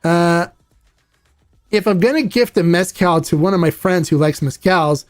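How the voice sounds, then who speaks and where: A man's voice: high-pitched, measured pace, faint music behind. A man hosting a podcast, chatting in a rambling, enthusiastic and playful way. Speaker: podcast host. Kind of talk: casual chat.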